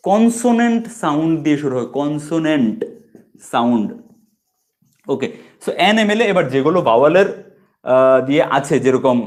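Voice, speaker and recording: This male teacher's voice runs on the high side as he gives a casual English grammar lesson. He has a Bengali accent, repeats example words patiently, and often asks "okay" to check in.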